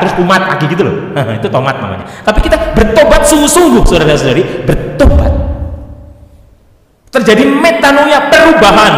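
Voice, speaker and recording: Lively joking priest in echoey church. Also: male voice, high voice. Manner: lively, joking, sings hymn lines. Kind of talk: sermon.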